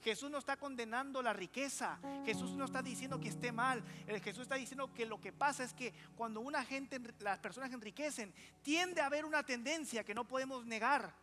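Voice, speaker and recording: A man's voice: very high voice, a little fast, few pauses, over music. A male pastor preaching a conversational sermon in a church, keeping the congregation engaged with questions. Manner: lively preaching, asks the congregation for replies. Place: church sanctuary.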